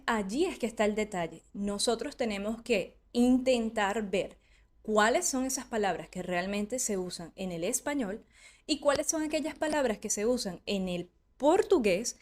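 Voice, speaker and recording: A woman's voice: fairly high pitch, a little mellow. A woman teaching in an online lesson, explaining at length and acting out learners' doubts with rhetorical questions. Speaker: Spanish teacher.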